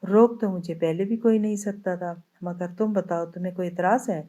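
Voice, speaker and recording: A woman's voice: on the low side, steady tone, mellow, natural voice. Stern young husband, read by a woman. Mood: firm.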